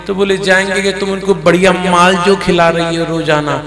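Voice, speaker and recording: A man's voice: high voice, level tone, normal speed. A man giving a devotional story sermon, telling the tale with acted dialogue and sing-song lines, and calling on his listeners to chant along. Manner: calls to audience for chants of Radhe Radhe. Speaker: kathavachak preacher. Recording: echoey hall with music behind.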